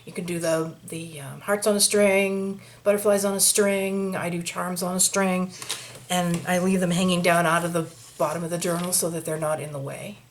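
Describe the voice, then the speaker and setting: Maine-accented woman, middle-aged, lowish voice, homey craft tutorial host; noisy recording with clicks. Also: fairly even intonation, moderate pace. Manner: chatty, talks through each step, mutters asides to herself.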